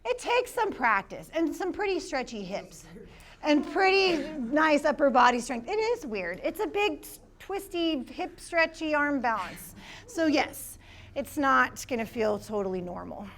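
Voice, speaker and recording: A woman's voice: sits high, sing-song, a little slow, fairly bright tone. A woman teaching a live yoga class, upbeat and encouraging, calling out students by name as she cues the poses.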